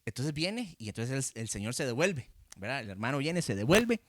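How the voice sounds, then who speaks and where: A man's voice: medium pitch, big pitch swings, normal speed, fairly bright tone, no echo, studio quality. A male pastor with a Costa Rican Spanish accent, teaching a sermon in a conversational way and often checking with "¿verdad?", speaking into a handheld microphone. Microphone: handheld microphone facing a camera.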